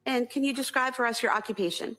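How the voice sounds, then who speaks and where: A woman's voice: on the high side, fast talker, bright, forceful tone. A woman attorney putting formal questions to a witness in a courtroom.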